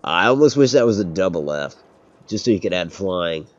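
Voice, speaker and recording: A man with a deep, expressive voice streams a game, chatting casually at a moderate pace, rambling and laughing often. The audio is dull.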